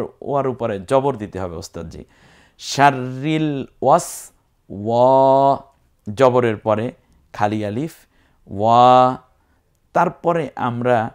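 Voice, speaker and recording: A man's medium-pitched, slightly mellow voice leads a step-by-step Quran recitation lesson. He breaks sounds down with patience and occasionally chants entire words in a long, drawn-out tone.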